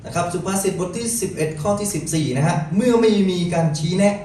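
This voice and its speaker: Fast-talking male sermon interpreter. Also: high voice, dark tone. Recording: very echoey hall, distant, noisy.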